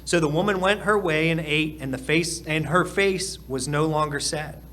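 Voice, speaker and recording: A man's voice: on the high side, moderate pace, a bit bright, slight background noise. A man preaching a sermon from the pulpit, earnest and repeating key phrases for emphasis. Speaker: pastor. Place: church hall.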